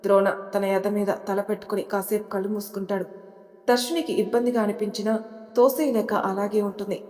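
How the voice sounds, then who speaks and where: A woman storyteller narrating an audio story in a steady, plain manner. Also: medium pitch, a little fast. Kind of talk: scripted narration. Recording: long reverb hall sound.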